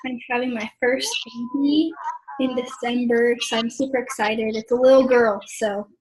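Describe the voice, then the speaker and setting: A young woman from Idaho leading a casual group discussion over a video call, talking slowly and clearing her throat often. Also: on the high side, steady tone, background noise. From Idaho, USA. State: pregnant. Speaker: discussion leader.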